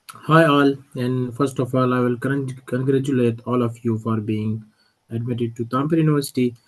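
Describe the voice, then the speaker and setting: A man from Pakistan introducing himself, friendly and a little halting. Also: mid-range voice, steady tone. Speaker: student ambassador. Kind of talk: self-introduction. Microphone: video call.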